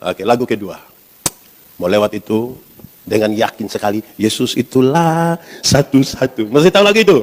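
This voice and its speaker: A pastor in his forties, preaching a lively sermon and asking the congregation questions. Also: medium pitch, moderate pace. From Indonesia. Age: 40s.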